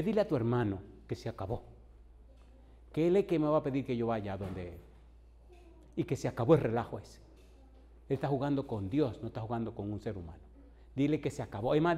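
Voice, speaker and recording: Animated pastor telling a story. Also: male voice, medium pitch. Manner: animated storyteller acting out dialogue. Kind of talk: storytelling sermon.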